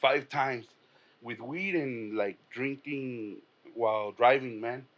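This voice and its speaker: A man's voice: medium pitch, takes it slowly, a bit bright. A middle-aged man, a comedian guest, telling stories in casual chat, blunt and swearing freely. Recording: dull lo-fi sound.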